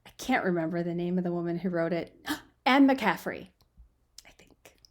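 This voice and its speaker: In a quiet guest room at home, a woman reads and chats as an amateur storyteller, captured on a built-in laptop microphone. Her fairly low voice is expressive and moves at a moderate pace, and her tone is informal and self-deprecating.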